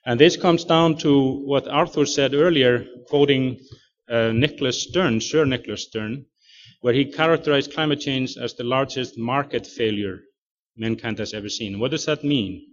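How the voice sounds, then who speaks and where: A man from Iceland giving a talk over slides, speaking haltingly with many fillers and restarts. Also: mid-range voice. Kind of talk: lecture presentation. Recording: muffled lo-fi recording.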